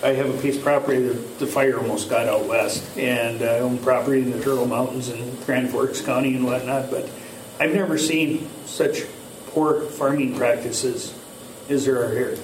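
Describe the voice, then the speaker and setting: A man's voice: medium pitch, fairly even intonation, moderate pace. An older man talking casually and plainly, in a folksy way, to a group in a meeting room. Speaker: local landowner addressing officials. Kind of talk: casual, conversational complaint. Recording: echoey room with background noise.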